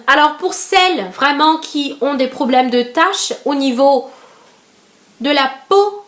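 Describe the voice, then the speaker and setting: High-pitched young woman doing a chatty beauty vlog, lots of ums and restarts, talks to her "girls". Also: animated, slow pace, fairly bright tone. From Madagascar. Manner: chatty, many fillers and restarts, addresses viewers as girls. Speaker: beauty vlogger. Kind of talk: casual product review vlog.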